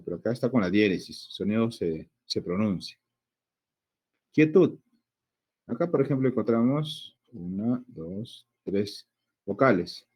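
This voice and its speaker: A man with a Peruvian Spanish accent teaching a grammar lesson, explaining step by step and checking in with frequent questions, drawing out words slowly to sound out their syllables. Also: fairly low pitch, breathy edge, dull audio.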